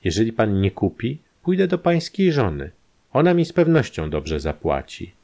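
A man's voice: fairly low pitch, very animated, normal speed, creaky, dark tone, voice pushed up, exaggerated voice. A man voicing an insolent young male blackmailer with a cocky, defiant manner.

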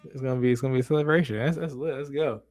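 A man's voice: medium pitch, racing, darkish tone. A man co-hosting a sports talk show with casual, slangy banter and repeated phrases.

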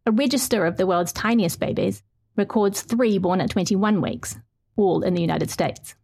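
Measured New woman reporter. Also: mid-range voice, a little mellow. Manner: measured, clear reading with some hesitant restarts when answering. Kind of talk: interview answers, then reading her own feature.

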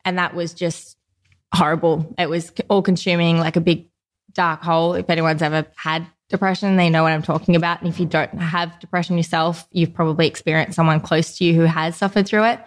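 Chatty woman, lowish voice. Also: little pitch movement, brisk. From Australia. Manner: open, chatty, frequent "like" fillers. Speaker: guest. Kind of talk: casual conversational interview.

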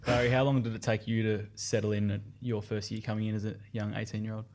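An Australian man with a slightly low voice co-hosts a casual interview. He puts conversational questions to the guests. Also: level tone, fast talker, darkish tone, slight background noise. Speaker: podcast co-host.

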